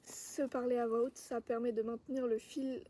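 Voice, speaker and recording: A woman vlogger giving a calm, reflective monologue outdoors among trees, sometimes dropping to a whisper. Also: fairly high pitch, moderate pace, a little hiss or hum. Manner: calm, soft-spoken, sometimes drops to a whisper.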